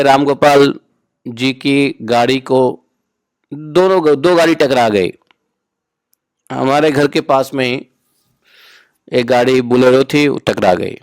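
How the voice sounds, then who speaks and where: A man's voice: mid-range voice, clear, resonant tone, no echo. A man as spiritual teacher giving a conversational scripture discourse, often asking listeners rhetorical questions and telling informal stories. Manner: informal, storytelling asides.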